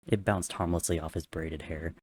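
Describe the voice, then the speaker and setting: A man's voice: low-pitched, steady tone, moderate pace, a little mellow, slightly rough. A man narrating fiction aloud as a dramatic reading.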